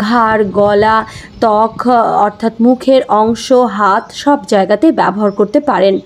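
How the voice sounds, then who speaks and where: A woman, calmly explaining home remedies and speaking directly to the viewer in an instructional talk. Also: fairly high pitch. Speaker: health and beauty tips presenter.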